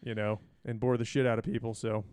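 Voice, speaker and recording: A man co-hosting a podcast in casual chat, relaxed and rambling with lots of fillers. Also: medium pitch, quick pace, clean tone, no echo, clean studio sound. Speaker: podcast co-host.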